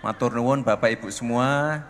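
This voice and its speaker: A man's voice: mid-range voice, normal speed, long reverb tail, some chatter behind, a little hiss or hum. A man, a city mayor giving a short, polite welcome speech and repeating his thanks.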